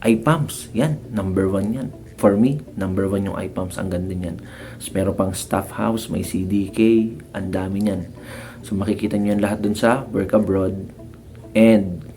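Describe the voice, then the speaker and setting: A man's voice: deep voice, darkish tone. A man from the Philippines chatting casually to viewers about working abroad, acting out bits of dialogue. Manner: chatty, acts out dialogue in raised voices, frequent laughs. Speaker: vlogger sharing work-abroad experience.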